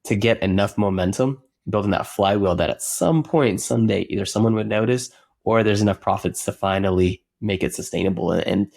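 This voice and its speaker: A man with a fairly low voice talks as an interview guest about building his company. He is earnest and reflective, often circling back with "you know" and restarting his phrases mid-thought. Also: a little fast, creaky, darkish tone. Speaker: software company co-founder, guest. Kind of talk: casual conversational interview.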